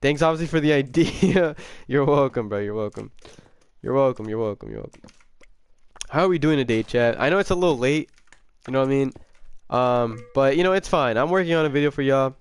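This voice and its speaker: A young man chatting casually with viewers during a gaming livestream, excitable, repeating himself and full of slang, his voice a bit sick. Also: medium pitch, fairly quick, smooth. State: slightly sick voice.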